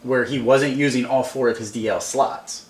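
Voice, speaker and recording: A man's voice: medium pitch, fairly even intonation, moderate pace, roomy sound, recorded from a distance. A man co-hosting a casual fantasy sports talk show, chatty and emphatic as he argues his point. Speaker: podcast co-host.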